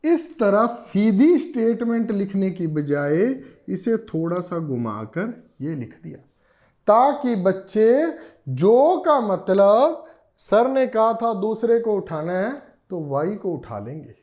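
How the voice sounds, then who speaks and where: A man lectures a reasoning class, slowing down and going over each point again. His pitch swings widely from one phrase to the next. He stresses key words and repeats them so students keep up. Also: very animated, a little mellow. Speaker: reasoning teacher.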